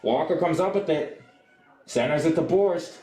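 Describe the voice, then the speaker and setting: A young adult man calls a soccer match as play-by-play commentator for live radio, animated and descriptive. His voice is a little high, his pace moderate, and the sound is roomy.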